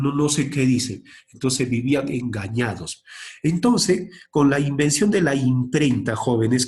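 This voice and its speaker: A man teaching a class of young students in a history lesson. He keeps asking questions and then answers them himself, with his pitch jumping up and down as he talks.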